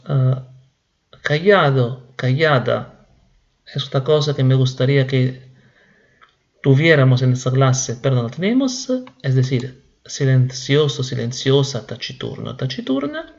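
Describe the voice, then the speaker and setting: A man teaching Spanish grammar slowly and deliberately, repeating each word. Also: medium pitch, lively intonation, vocal fry, lo-fi sound. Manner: slow, deliberate, repeats words. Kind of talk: slow classroom explanation.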